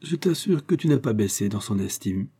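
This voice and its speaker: A man doing a calm, amused inventor. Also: lowish voice, moderate pace, husky. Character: calm, amused middle-aged male inventor.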